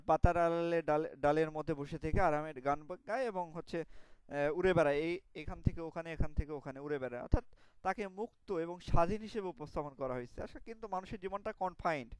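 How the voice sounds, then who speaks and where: A man's voice: sits high, smooth, dry recording, rough recording. A young man with a Bangladeshi Bengali accent, giving an online literature lecture and explaining terms with many fillers and restarts. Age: young adult. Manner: explanatory, with frequent fillers and self-corrections.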